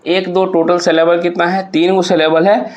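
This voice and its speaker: Guy teaching exam revision, spells words out letter by letter, slightly high voice, muffled audio. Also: flat delivery, a little mellow. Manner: spells words letter by letter slowly, addresses students as bhaiya.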